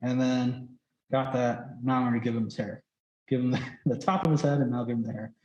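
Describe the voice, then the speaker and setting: A man's voice: medium pitch, fairly even intonation, fairly quick, darkish tone, lo-fi sound, slight background noise. Chatty man through a face mask, roomy echo. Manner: rambling, chatty, frequent "like" filler. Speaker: drawing instructor. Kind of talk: casual thinking-aloud drawing demonstration. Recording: echoey, roomy sound.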